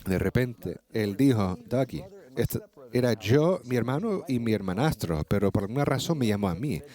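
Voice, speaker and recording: A man interpreting a sermon live into Spanish, telling a story and preaching, with halting restarts as he keeps pace. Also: on the low side, animated, mellow.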